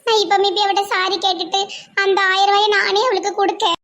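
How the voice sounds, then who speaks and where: A woman doing a squeaky hot-tempered village wife. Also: level tone, a little fast, a bit bright. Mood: remorseful. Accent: Tirunelveli Tamil. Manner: squeaky, scolding and emphatic. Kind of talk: comic cartoon voice acting.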